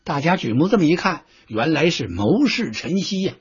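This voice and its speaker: A husky-voiced man tells a story in the traditional pingshu style, his pitch leaping up and down. His delivery is theatrical and animated, heard through a dull, lo-fi recording. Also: moderate pace.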